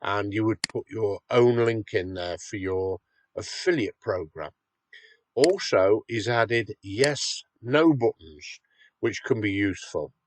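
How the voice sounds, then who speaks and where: Slow and lowish-voiced, a man with a cold sounds slightly nasal as he walks viewers through a website tool step by step in a screen-recorded tutorial. He owns the website and demonstrates patiently, checking in with "okay." A little hiss or hum is audible.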